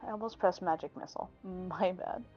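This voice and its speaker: A woman's voice: fairly low pitch, brisk, darkish tone, muffled recording, soft background music. A woman chatting casually as a player in a tabletop roleplaying game.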